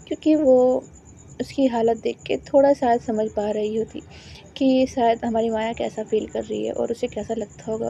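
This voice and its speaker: A woman's voice: on the high side, vocal fry, dark tone, lo-fi sound, a little hiss or hum. A woman narrating a romance story in a casual, conversational way, with fillers.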